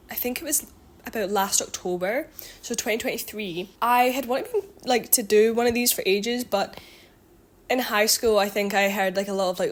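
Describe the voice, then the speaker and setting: A twenty-year-old woman chatting casually to her viewers, rambling with lots of ums and likes and correcting herself as she goes. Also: medium pitch. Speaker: vlogger and student. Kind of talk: casual chatty catch-up vlog.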